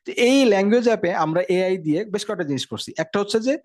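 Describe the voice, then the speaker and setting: Man, casual tech lecture, rapid delivery, slightly high voice, keeps checking in with listeners. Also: lively intonation, a little mellow. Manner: fast, conversational, frequent check-ins. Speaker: instructor.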